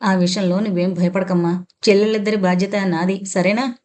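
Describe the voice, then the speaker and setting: A woman's voice: mid-range voice, steady tone, a little fast, darkish tone, lightly acted. A woman reading the lines of an earnest young man who reassures his parents, in an audiobook novel. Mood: reassuring.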